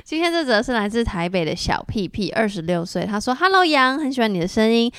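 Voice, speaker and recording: A woman's voice: fairly high pitch, big pitch swings, fast talker, a bit bright, clear, resonant tone, no echo, clean studio sound. A woman podcast host reading listener letters aloud in a playful way, acting out the quoted lines and laughing often.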